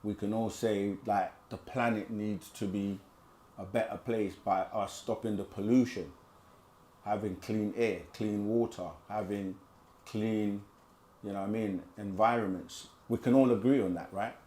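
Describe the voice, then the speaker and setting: This man's voice sits on the low side, steady and warm, at a measured pace. Hosting a live Q&A stream, he reads viewers' chat questions aloud and answers each at length in a relaxed, conversational way, repeating himself often.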